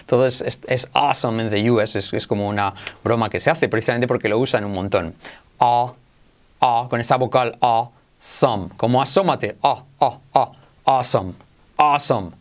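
A man with a Spain Spanish accent teaching English in an online lesson, enthusiastic and self-described as exaggerated, drilling words slowly for the listener to repeat. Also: medium pitch.

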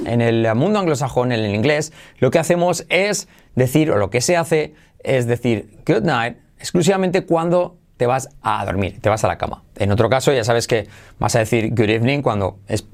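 Guy doing a podcast english lesson, drills each phrase slow and says it again and again. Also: mid-range voice, lively intonation, darkish tone. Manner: drills phrases slowly and repeats them. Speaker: English teacher.

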